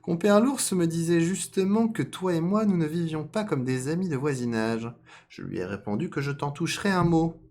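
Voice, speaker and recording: A man voicing a sly, scheming male fox in a spoken folk tale, in a loud, raised voice. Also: on the high side, animated, moderate pace, voice pushed up.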